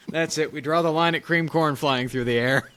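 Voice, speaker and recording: A young man co-hosting a podcast, telling family stories in casual chat, animated and laughing often, with rambling restarts. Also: on the high side, clean tone. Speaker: podcast co-host.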